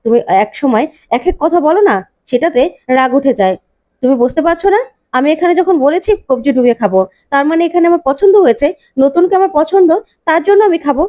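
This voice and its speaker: A woman's voice: sits high, lively intonation, fast, warm tone. An indignant scolding uncle, as a woman reads him. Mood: angry. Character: angry older uncle scolding a relative.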